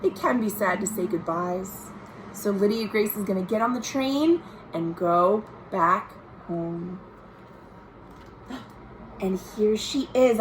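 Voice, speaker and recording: An American woman records from home, reading a picture book to young children as a librarian at storytime would and explaining it in a simple, expressive way. Her voice is mid-range, and the audio is poor, with a little hiss or hum.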